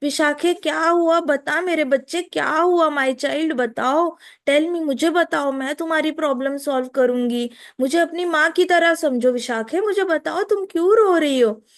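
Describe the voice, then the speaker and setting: A woman's voice: high voice, a little slow, few pauses, pitched above the performer's own voice. A woman voicing an anxious old mother-in-law who frets and pleads in a raised, wailing voice. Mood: worried. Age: older.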